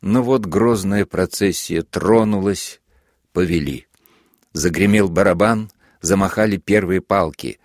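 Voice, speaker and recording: A man narrating a classic novel as an audiobook in an expressive, vivid storytelling manner. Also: deep voice, unhurried, no echo, clean studio sound. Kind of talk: literary audiobook reading.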